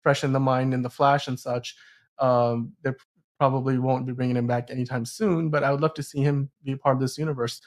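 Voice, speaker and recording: In a mid-range voice with little pitch movement, a podcast host talks a little fast about films. His casual chat is rambling and emphatic, with frequent stumbles.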